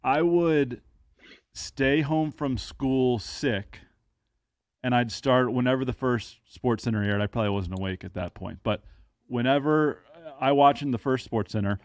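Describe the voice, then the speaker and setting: A man's voice: medium pitch, no room sound. A man in his thirties hosting a podcast in casual chat, with dry, self-mocking humor. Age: 30s. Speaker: podcast host.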